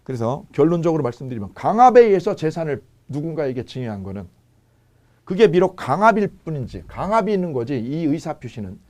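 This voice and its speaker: A male law lecturer with a slightly high, mellow voice that rises and falls widely. He keeps quizzing his students with rhetorical questions. He repeats each key phrase as he drives the point home. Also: big pitch swings, a little fast. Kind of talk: exam-prep lecture.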